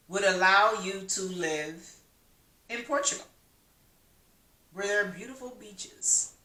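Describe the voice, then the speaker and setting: A woman's voice: medium pitch, bright, forceful tone. A woman vlogger from the United States giving an emphatic motivational talk full of rhetorical questions. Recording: echoey room, mic at a distance.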